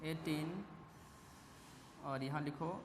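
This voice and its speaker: A man with a fairly high voice runs a classroom lecture, calling out questions and answering them for his students. His voice rings through a big hall with a long echo. Faint room noise sits behind him. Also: level tone, slow pace. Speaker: chemistry teacher. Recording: echoey classroom with faint ambience.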